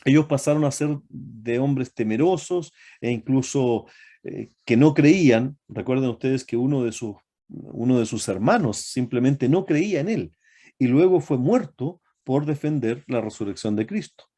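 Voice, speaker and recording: A man preaching a sermon to his congregation, often asking them rhetorical questions and pausing on fillers and self-corrections. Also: mid-range voice, lively intonation, warm tone.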